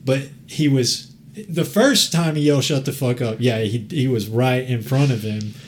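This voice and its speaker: A man hosts a casual podcast chat, telling a story that wanders and restarts as he laughs his way through it. He swears freely, and his voice sits at an ordinary middle pitch for a man. A faint hiss runs quietly underneath. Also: measured pace. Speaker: podcast host.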